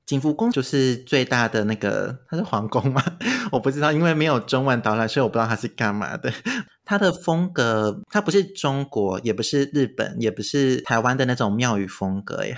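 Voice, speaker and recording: A man with a Taiwanese Mandarin accent chatting casually as a guest, recounting his travels. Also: mid-range voice. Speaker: podcast guest recounting a trip. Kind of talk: casual chat.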